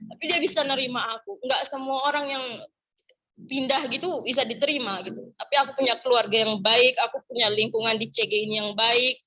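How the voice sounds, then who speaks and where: A woman's voice: fairly high pitch, sharp tone. A young adult woman giving a candid, chatty personal testimony at a church gathering. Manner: candid, chatty, mixes in regional words.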